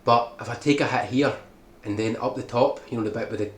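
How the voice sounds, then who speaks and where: A man talking through a speedrun tutorial in a mid-range voice, explaining each step and checking in with "right?". The sound is roomy and echoey, with a steady hiss of noise underneath. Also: mid-range voice, fairly quick. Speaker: speedrun guide maker. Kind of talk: game tutorial commentary. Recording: echoey room with background noise.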